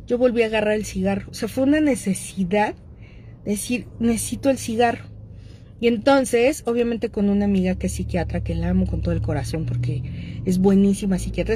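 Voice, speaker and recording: A woman's voice: medium pitch, warm tone, a little hiss or hum. A middle-aged woman with a Mexican accent, hosting and speaking casually and directly to her audience about addictions, with frequent fillers. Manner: conversational, addresses listeners directly, frequent fillers.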